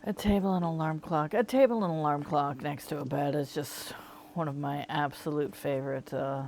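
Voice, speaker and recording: A woman giving soft, easygoing gameplay commentary, thinking aloud as she plays. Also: deep voice, moderate pace, vocal fry, slight background noise. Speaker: gaming streamer. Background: faint game music.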